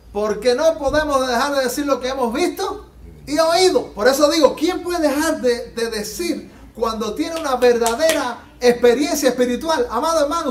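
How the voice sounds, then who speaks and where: A man preaching a sermon as pastor, fervent and emphatic, swinging between loud peaks and quiet low passages, recorded in a church. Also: recorded from a distance. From Latin America. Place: church sanctuary. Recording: echoey church hall, off-mic.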